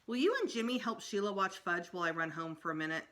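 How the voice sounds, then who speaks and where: A woman's voice: fairly low pitch, lively intonation, fast, a bit bright. A woman voicing a doting, anxious mother in a storybook, coaxing and fussing.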